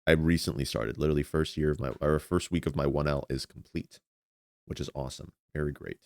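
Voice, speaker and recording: Talking with viewers on his livestream, a twentysomething American man whose first language is Spanish rambles casually and repeats words often. He has a bass voice with fairly even intonation, speaks a bit quickly, and the recording is dry.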